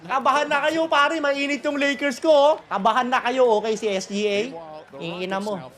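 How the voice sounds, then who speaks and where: Excitable male fan-commentator, very high voice, live game watch-along, shouty and profane. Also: moderate pace. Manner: excitable, bursts into shouts and laughs, swears casually. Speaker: basketball fan streamer.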